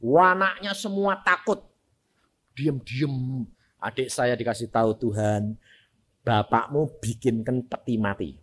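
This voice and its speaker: A man's voice: medium pitch, takes it slowly, slightly rough. A middle-aged man preaching a sermon in with a tinge. He tells personal stories bluntly and addresses the congregation directly. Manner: blunt, animated storytelling, speaks directly to the congregation.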